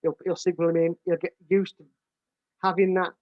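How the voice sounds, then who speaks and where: A British man who coaches American football has a big, high voice with a level tone and a fairly quick pace. His casual explanation is plain-spoken, with frequent restarts and repeated words. There's no room sound, and the audio is dry and thin, like a phone.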